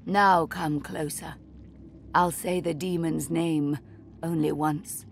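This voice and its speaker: A woman playing an anguished, solemn tree spirit in a video game, with a grave, halting dramatic delivery. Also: low-pitched, steady tone, creaky, a little hiss or hum, exaggerated voice. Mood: grave warning.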